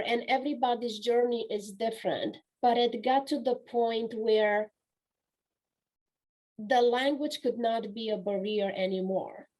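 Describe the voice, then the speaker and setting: A Romanian-accented woman in her forties, a guest speaker and coach whose English is non-native, talks earnestly and reflectively in a conversational interview. Her voice is a little high with a darkish tone, she often restarts her sentences, and the recording is rough.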